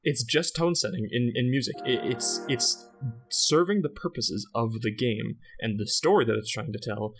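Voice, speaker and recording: A man co-hosting a casual podcast about game music. He talks in an animated way, laughs often and drifts into jokey tangents. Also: medium pitch, moderate pace. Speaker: podcast co-host.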